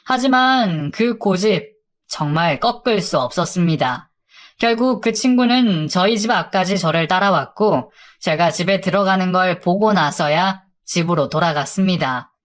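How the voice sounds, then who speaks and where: A woman's voice: fairly low pitch, animated, measured pace. A woman narrating her own life story in a confiding, conversational storytelling manner.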